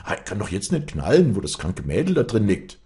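A man's voice: fairly low pitch, wildly swooping pitch, brisk, dark tone, voice pushed up. A man voicing a hot-headed young hunter who grumbles irritably in a Bavarian dialect. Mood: agitated.

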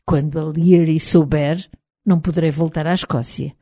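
A woman's voice: low voice, fairly even intonation, mellow, dry recording. A woman reading a wry Scottish man. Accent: European Portuguese. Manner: wry, hurried.

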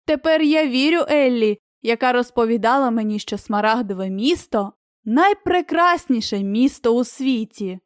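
A woman's voice: a little high, expressive, moderate pace, no room sound, clean studio sound, close to an everyday voice. A woman reading the part of a delighted male sailor in an audiobook, exclaiming with enthusiasm. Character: excited male sailor, hearty.

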